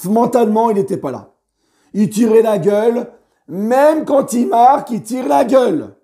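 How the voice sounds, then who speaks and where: A man with a hoarse voice giving a heated post-match debrief as a football fan, animated and swearing freely. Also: very high voice, measured pace. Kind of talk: post-match vlog rant.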